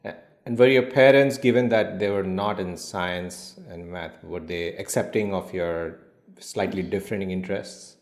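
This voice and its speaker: A man's voice: low voice, measured pace. A man hosting a podcast, asking interview questions attentively and murmuring along while his guest talks. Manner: attentive, frequent quiet backchannel murmurs. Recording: roomy echo.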